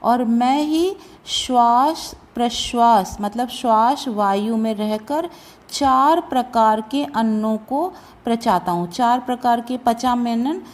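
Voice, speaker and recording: A woman teaching how to recite scripture verses, chanting each line slowly and carefully and then explaining it in plain talk. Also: on the high side.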